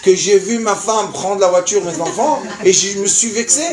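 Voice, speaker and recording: This rabbi, in his fifties or older, has a voice that sits high and moves at a moderate pace as he lectures, telling a story with acted-out dialogue and laughter. A crowd can be heard in the background, and the hall is echoey with faint noise.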